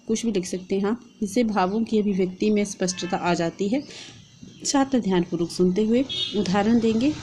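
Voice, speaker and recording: A woman with a Hindi accent explaining a lesson plan step by step in a steady, instructive way, as a teacher-training vlogger. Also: medium pitch, a little hiss or hum. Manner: steady instructive delivery, reading out and dictating.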